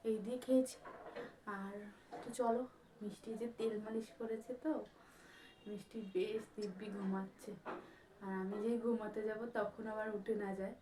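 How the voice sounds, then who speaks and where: Woman vlogger at home, higher-pitched, chatty and rambling; echoey room. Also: dark tone, far from the mic, a little hiss or hum. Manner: chatty, rambling, talks to viewers. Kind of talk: casual home vlog narration.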